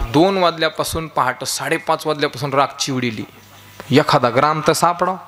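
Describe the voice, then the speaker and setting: A man's voice: medium pitch, heavy background noise. A man preaching a humorous devotional kirtan, telling stories animatedly and joking with his audience. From Maharashtra.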